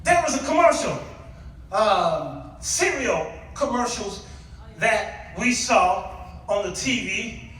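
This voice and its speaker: A middle-aged American guest preacher with a high-pitched voice takes his time delivering a humorous, animated storytelling sermon. He is declamatory and keeps calling on his congregation with questions. The recording comes from a large echoey hall with a distant mic and audience noise.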